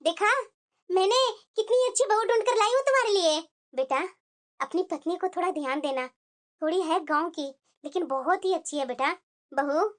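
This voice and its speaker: A woman's voice: very high-pitched, expressive, moderate pace. A woman voicing a kind, protective middle-aged mother-in-law in a cartoon, talking in a fond, reassuring, motherly way. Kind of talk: cartoon voice acting.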